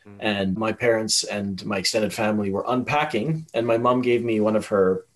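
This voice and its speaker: A man from Tanzania, a guest on a podcast, talks about himself in an earnest, thoughtful way with some halting restarts. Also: lowish voice, fairly even intonation. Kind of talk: reflective conversation.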